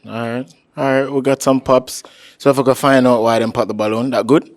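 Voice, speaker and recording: A man with a Jamaican accent hosts a dating show. His questioning is informal and conversational, in a voice of average pitch. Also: fairly even intonation, brisk, no room sound. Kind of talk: casual street interview.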